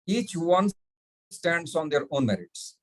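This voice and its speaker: A man's voice: fairly high pitch, very animated, drawn-out words, no echo. A man teaching a beginners' Sanskrit class, mixing Hindi and English, patiently repeating and spelling out each letter sound. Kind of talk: slow online lesson mixing Hindi and English.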